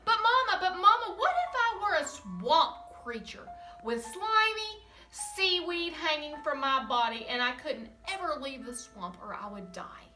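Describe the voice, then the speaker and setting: Little storybook child, put on by a woman, pleading, eager, high, bouncy, bright. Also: sing-song, measured pace, reverberant, soft background music, exaggerated voice. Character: pleading little child asking silly what-ifs.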